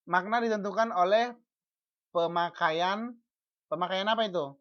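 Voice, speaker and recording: Teacher over a video call, slow measured delivery, muffled lo-fi audio, quizzes the class, stumbles and repeats syllables. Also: medium pitch. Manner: asks the class questions and answers them; frequent false starts and repeated syllables. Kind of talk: online class lecture.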